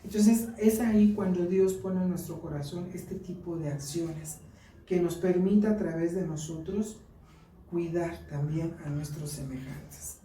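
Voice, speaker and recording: A woman's voice: fairly low pitch, a little slow, warm tone, slight background noise. A woman with a Mexican accent giving an earnest church Bible lesson, mixing teaching with personal stories. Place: church hall. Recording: echoey room, mic far off.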